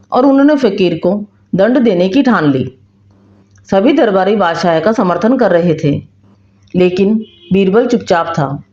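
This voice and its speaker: A woman storyteller giving scripted storybook narration in a steady, measured way. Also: mid-range voice. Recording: roomy, slightly dull recording.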